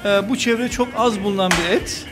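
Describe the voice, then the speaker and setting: A man's voice: sits high, fairly quick, music in the background. A middle-aged man, a restaurant owner, proudly describing his food in an interview. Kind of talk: interview answers. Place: restaurant kitchen by the grill.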